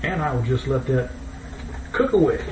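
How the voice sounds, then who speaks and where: Male home cook, easygoing casual chat, distant mic with clear background noise. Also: mid-range voice, lively intonation, normal speed. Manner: easygoing, thinking aloud. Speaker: home cook hosting a cooking video. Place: indoors, kitchen. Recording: distant mic, dull, echoey, noisy room.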